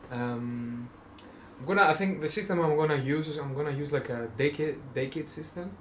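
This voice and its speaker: This vlogger is a young adult from Greece whose Greek-accented, offhand chatter is full of fillers, self-corrections and dry humor. His voice is a little high and moderately paced, with slight background noise.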